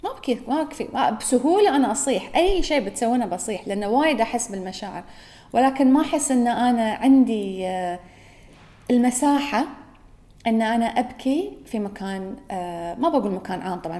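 A woman's voice: a little high, animated, quick pace, warm tone. A woman with a Gulf Arabic accent hosting a podcast, talking in an earnest, musing solo monologue and correcting herself as she goes. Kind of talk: reflective solo talk.

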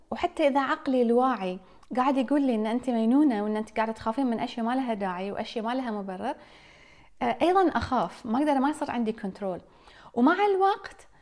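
A woman's voice: medium pitch, darkish tone. A woman and mother, talking casually and reflectively to her live stream viewers, putting questions straight to them. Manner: reflective, questioning, addresses listeners directly.

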